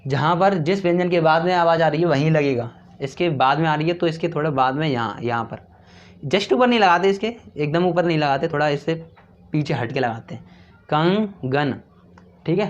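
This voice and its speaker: A man teaching Hindi spelling, repeating each word slowly and asking and answering his own questions. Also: on the high side. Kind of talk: slow classroom explanation. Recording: dull lo-fi recording.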